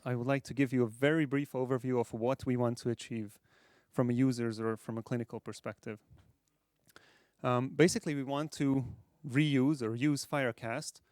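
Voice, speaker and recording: Guy from hungary explaining software at a conference, lots of ums, dry close sound. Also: mid-range voice, clean tone, no room sound. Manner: measured, explanatory, with frequent fillers. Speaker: software architect presenting at a conference. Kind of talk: conference talk.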